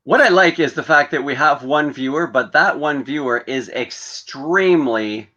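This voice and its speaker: A man's voice: on the high side, moderate pace, pushed and bright, highs cut off. A man cohosting a casual live-stream chat as a comedian, teasing with dry banter.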